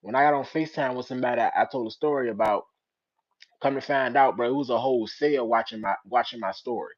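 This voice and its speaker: A young man with a Richmond, Virginia accent, hosting a casual live-stream chat with viewers. He uses street slang and breaks into loud teasing. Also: mid-range voice, fast, dull audio. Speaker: channel host.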